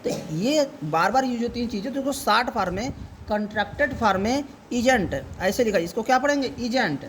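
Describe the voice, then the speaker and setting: A man giving a home tutoring lesson, reading English word by word for a child to repeat and explaining slowly and patiently. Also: very high voice, animated, a bit bright, slight background noise. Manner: slow, careful explaining.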